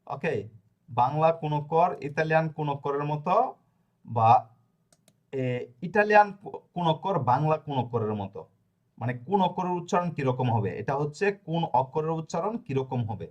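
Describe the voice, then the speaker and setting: A man teaching a lesson in a spoken, unscripted way, repeating each point and filling pauses as he thinks aloud. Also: on the high side, animated, a little mellow, highs cut off. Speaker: language teacher.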